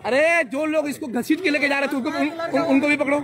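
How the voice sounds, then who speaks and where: A man's voice: extremely high pitch, steady tone, a little fast. A male field reporter, reporting live on a street and urgently confronting people on the spot. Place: busy street outside a court campus. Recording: noisy outdoor street recording with crowd. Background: crowd and traffic.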